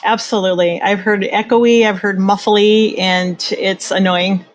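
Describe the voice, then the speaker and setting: A woman's voice: medium pitch, fairly even intonation, unhurried, a little hiss or hum. A middle-aged woman with a Minnesota accent, a photographer guest chatting on a podcast video call and telling stories with frequent laughs. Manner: chatty storyteller, laughs often. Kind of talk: casual podcast interview.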